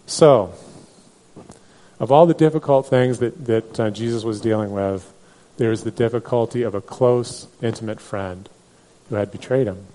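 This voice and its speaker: A man's voice: on the low side, normal speed, mellow. A man teaching a Bible class in a conversational way, with many fillers and restarts. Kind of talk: Bible study lecture.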